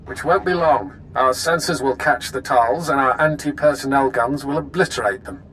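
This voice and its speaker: Man playing video game imperial officer, ruthless, commanding, clipped menace, mid-pitched, faint noise behind. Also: normal speed, a bit bright, lightly acted, rough recording. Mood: confident.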